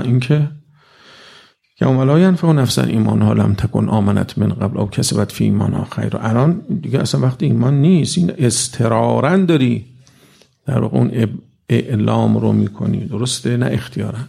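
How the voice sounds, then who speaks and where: A man giving a conversational religious lecture to a live audience, reciting verses slowly and often asking "right?". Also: medium pitch, creaky, dark tone, husky.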